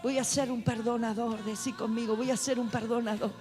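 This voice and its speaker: A woman preaching a fervent sermon in church, building to shouted exhortations. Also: on the high side, steady tone, fairly quick, music in the background. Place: church sanctuary.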